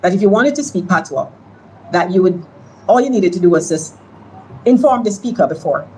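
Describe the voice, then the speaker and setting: A woman giving a parliamentary speech, slow and deliberate, lecturing a fellow member. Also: lowish voice, expressive, darkish tone, a little hiss or hum, poor audio.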